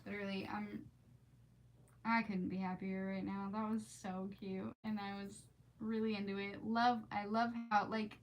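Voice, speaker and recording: At a moderate pace and with flat delivery, this mid-range female voice belongs to a streamer reading storybooks and chatting casually with viewers. Her talk is informal, gushing, and rambling, over a clearly noisy background.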